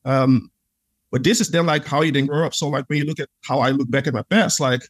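A brisk, slightly rough mid-range voice with fairly even intonation belongs to an adult man from the Netherlands. He's a podcast guest telling his own experiences in a reflective, earnest way, and "like" keeps popping up in his conversational interview storytelling.

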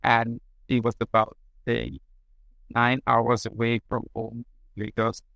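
Gravelly man, halting speech. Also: mid-range voice, monotone, fairly bright tone, no echo, poor audio. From Nigeria. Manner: halting, thoughtful, with many restarts. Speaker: guest. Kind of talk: casual interview.

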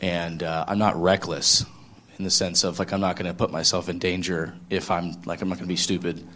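A man in an audience answering a question slowly and haltingly. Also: low-pitched, flat delivery, fairly bright tone, slight background noise. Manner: slow, halting. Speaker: audience member. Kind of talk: conversational reply.

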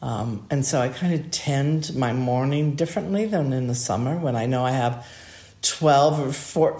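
An older woman, a podcast co-host, musing in a relaxed, rambling way with restarts. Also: extremely low pitch. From United States. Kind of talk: relaxed conversation. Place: home by a fireplace. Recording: roomy echo.

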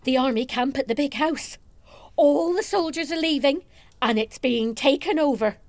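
An actress plays an excitable village woman who rushes in with gossip. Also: sits high, no echo. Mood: excited. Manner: breathless, excited exclaiming. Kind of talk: radio drama acting.

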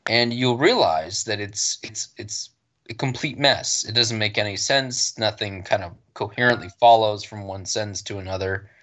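A man's voice: fairly low pitch, normal speed, fairly bright tone. A man co-hosting a casual political podcast, speaking bluntly with frequent restarts and fillers. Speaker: podcast co-host.

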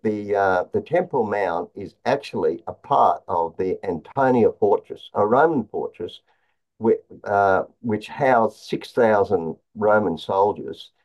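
Low-voiced man in halting conspiracy talk, dull audio. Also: animated, a little mellow. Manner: halting, repeats words and restarts phrases. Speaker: interview guest, author. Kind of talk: conspiracy talk, explaining slides. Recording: dull, lo-fi sound.

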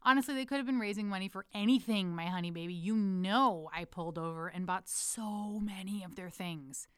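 A woman's voice: mid-range voice, a little fast, clear, resonant tone, dry recording, studio quality. A woman from the United States reading her personal letter aloud, intimate and playful, calling the listener her love. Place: lives in Amsterdam.

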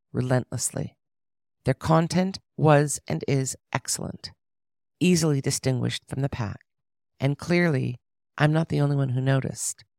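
A woman reading a scripted voice-over narration in an emphatic, measured way. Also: very deep voice, vocal fry, a little mellow, no room sound, clean studio sound.

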